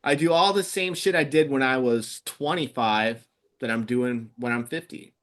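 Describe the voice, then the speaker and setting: A man's voice: medium pitch, normal speed, a bit bright. A fifty-year-old man, a podcast guest, talking in an easygoing, blunt way in casual chat. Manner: easygoing, plain-spoken, gives blunt advice.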